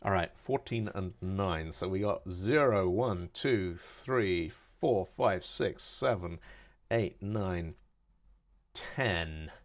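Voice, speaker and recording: A man in his forties with a fairly low voice, running a casual live-coding stream. He mutters through his debugging, reads out chat, and slips in dad jokes as he works. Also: lively intonation, slow pace. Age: 40s. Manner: thinks aloud while debugging, drops dad jokes.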